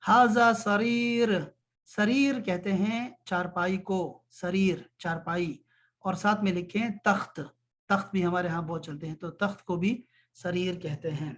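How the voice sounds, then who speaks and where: A man teaching an online Arabic lesson, explaining patiently and repeating phrases slowly. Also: high-pitched.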